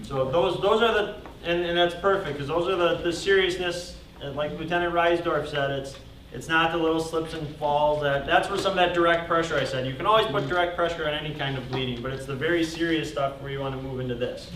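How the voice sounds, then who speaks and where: A man's voice: a little high, a little fast, fairly bright tone. A man instructing a first-aid class as a firefighter, explaining informally as he demonstrates hands-on. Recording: echoey room, distant mic, faint noise.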